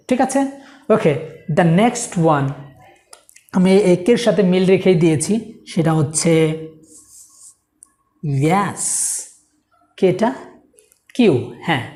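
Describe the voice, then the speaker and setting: A woman teaching English pronunciation, saying each sound slowly and drilling it over and over for the viewer. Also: fairly low pitch, dark tone, reverberant. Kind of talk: Bengali spoken English lesson.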